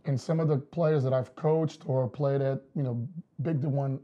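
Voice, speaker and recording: A man, a soccer coach explaining his methods in an interview, measured with many fillers. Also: mid-range voice, fairly even intonation, dull audio. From Portugal. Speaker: girls' soccer coach, guest. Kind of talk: casual interview talk. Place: studio set with wood backdrop.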